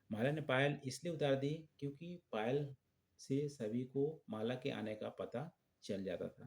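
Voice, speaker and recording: A male teacher works through a children's textbook lesson, speaking slowly and deliberately. He repeats phrases and checks in with short questions. He speaks at a middle pitch. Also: vocal fry, a little mellow. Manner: slow and repetitive, checking with frequent questions. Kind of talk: explaining a school textbook lesson.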